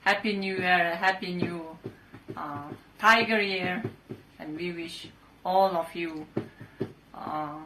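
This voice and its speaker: Slow Mongolian-accented woman in echoey room. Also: on the low side, steady tone. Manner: halting, non-native English. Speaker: guest speaker. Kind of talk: greeting speech. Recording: echoey room, clear background noise.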